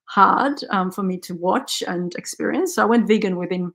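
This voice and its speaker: A woman from Poland speaks in a gravelly, fry-tinged voice. She talks candidly as a guest in a casual interview, laughing as she goes. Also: medium pitch, normal speed, fairly bright tone. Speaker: guest soil scientist.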